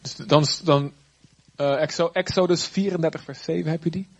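Lively preacher, lo-fi recording. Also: male voice, a little high, normal speed, slightly rough. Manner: lively, conversational preaching with asides. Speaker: pastor. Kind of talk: sermon.

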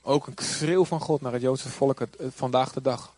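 A male pastor preaching a sermon with passion, rising now and then to loud cries. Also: mid-range voice, fairly even intonation, normal speed, dry recording.

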